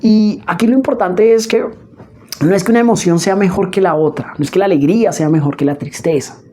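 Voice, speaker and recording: A woman teaching public speaking in a spoken lesson, expressive and often checking in with her listeners. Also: fairly low pitch, brisk. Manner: expressive, demonstrates emotions with her voice; frequent checking "¿sí?" asides.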